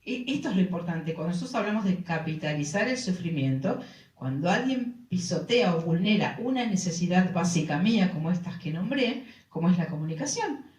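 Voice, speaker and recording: A woman's voice: lowish voice, a little mellow, lo-fi sound. A woman with a Rioplatense Spanish accent gives a talk on relationships to a live audience, often checking in with rhetorical questions to the listeners. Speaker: speaker on relationships. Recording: roomy sound from a distant mic.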